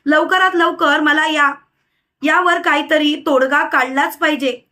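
A woman's voice: high-pitched, steady tone, measured pace, bright, forceful tone. A woman voicing a stern, determined male village holy man in a retold story, scolding and commanding.

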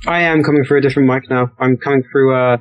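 A man in casual chat as a tabletop game player, sounding echoey as he comes through his phone as a second device, explaining himself quickly and apologetically. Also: mid-range voice, fairly even intonation. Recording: echoey phone-line audio over a voice call.

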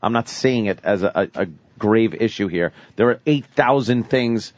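A man's voice: lowish voice, moderate pace. A man hosting a radio show, blunt and sarcastic, cursing freely and stumbling into restarts. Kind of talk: profane comedic radio banter. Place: radio studio. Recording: dry, dull studio broadcast.

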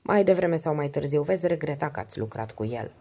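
A woman voicing a beautiful young woman in an audiobook, speaking softly and wistfully. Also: sits low, lively intonation, breathy edge, heavily acted.

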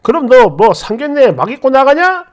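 A woman voicing an old-fashioned online commenter in a loud, contemptuous rant. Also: high-pitched, sing-song, normal speed.

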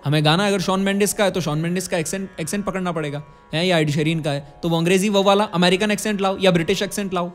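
A vocal music teacher in his 20s, with a high voice and an Indian accent, gives a step-by-step lesson on singing and diction, demonstrating sounds and checking in with tag questions. He talks fast with few pauses and fairly even intonation. He's recorded in an indoor curtained studio on a close-up condenser mic, with faint music behind him.

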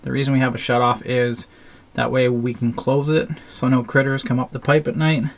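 With clear background noise behind him, a man hosts a hands-on DIY video on trailer plumbing setup. He talks briskly and casually in a medium, level-toned voice.

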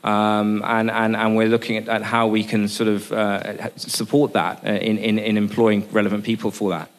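Brief: Sri Lankan-born business speaker in his forties, somewhat low-voiced, earnest, halting with restarts, lectern mic. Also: little pitch movement. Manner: earnest, many restarts and fillers; gestures at a lectern. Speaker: business executive speaking at a panel. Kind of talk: conference speech. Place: conference room, indoors. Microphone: lectern microphone.

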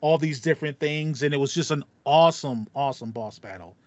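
A man in his thirties, co-hosting a podcast, chats casually about video games in a fairly quick, higher-pitched voice, rambling with enthusiasm and repeating phrases. He's on a headset over a video call from a small home room lined with acoustic foam, so the audio is slightly muffled but has no echo.

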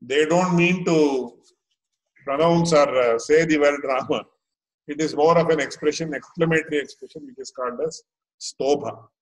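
A man in his fifties with a South Indian accent giving an informal scriptural lecture, explaining haltingly and rephrasing as he goes, with Sanskrit terms. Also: fairly high pitch. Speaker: religious teacher. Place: small indoor room at home. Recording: echoey room, webcam-style pickup.

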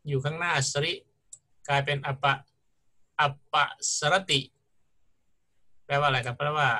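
A man's voice: a little high, fairly even intonation, a little slow, bright, forceful tone. A middle-aged man lecturing on grammar in a patient, explanatory way, often checking in with his students. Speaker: university lecturer.

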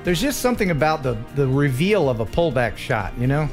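A man's voice: fairly high pitch, brisk, faint music behind. A man hosting a show, chatting casually and jokily about viewer drone footage. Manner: lively, laughs often, jokey asides. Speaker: show host.

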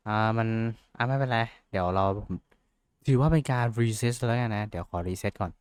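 Speaking at normal speed in a mid-range voice that is a little mellow and smooth, a young VTuber host guides viewers through a casual screen-share tutorial. The studio-quality audio has no echo, and his chatty, rambling style is full of self-mockery and fillers.

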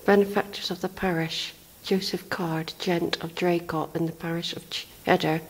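With a handheld camera mic, a woman with a West Country English accent vlogs her tour of a country church, starting outside and then going in. She chats casually, talks to herself and trails off, her lowish voice flat and at normal speed. The low-quality recording carries a little hiss or hum.

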